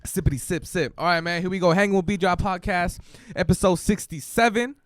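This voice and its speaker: Hype young podcast host, heavy on slang. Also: male voice, high-pitched, brisk, no room sound, clean studio sound, soft background music. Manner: hype, slangy, laughs often. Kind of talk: casual podcast chat.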